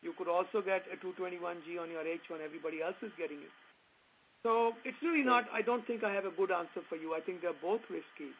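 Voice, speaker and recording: A man's voice: high voice, fast talker. A man with a North Indian accent hosting a call-in advice session, plain-spoken and reassuring. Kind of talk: advisory call-in talk. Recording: dull radio-like sound with faint noise.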